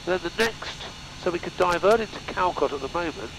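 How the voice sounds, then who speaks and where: A man instructing a student pilot in flight, explaining in a casual, halting way over a cockpit headset. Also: high voice, expressive. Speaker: flying instructor. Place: small microlight aircraft cockpit in flight. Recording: noisy cockpit intercom with engine drone. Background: aircraft engine drone.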